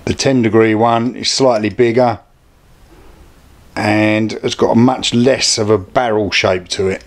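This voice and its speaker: A British man hosting an informal hands-on craft demonstration, talking in a low-key, plain-spoken and unpolished way. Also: fairly even intonation, a little slow. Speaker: hobby craft video host.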